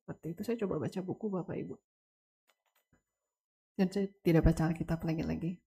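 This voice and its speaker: A young woman stands before a congregation at a memorial service and gives a personal testimony. Her voice is husky and mellow, her delivery earnest and halting, and she speaks directly to her listeners. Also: low voice, fairly even intonation. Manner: earnest, halting, addresses listeners as Bapak Ibu. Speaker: family member giving a testimony at a memorial service. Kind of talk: emotional spoken testimony to a congregation.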